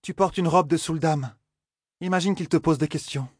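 A man reading an audiobook, voicing a young noblewoman who asks quick, worried questions. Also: fairly high pitch, no room sound, clean studio sound, voice pushed up, lightly acted.

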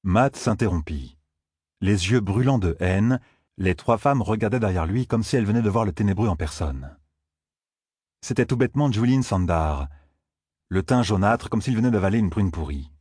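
A man narrating an audiobook in a measured storytelling manner. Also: lowish voice, expressive, darkish tone, husky, no room sound, studio quality. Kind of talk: scripted narration.

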